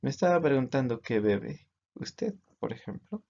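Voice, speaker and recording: A man's voice: medium pitch, big pitch swings, moderate pace, vocal fry, darkish tone, muffled recording. A man teaching English grammar to students, patiently explaining in Spanish with English examples.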